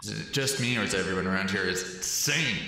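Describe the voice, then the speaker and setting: A man's voice: fairly low pitch, fast talker, bright, forceful tone, reverberant, faint music behind. A young man giving jokey, swearing let's-play commentary on a party game, teasing in mock bro talk. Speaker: gaming channel host.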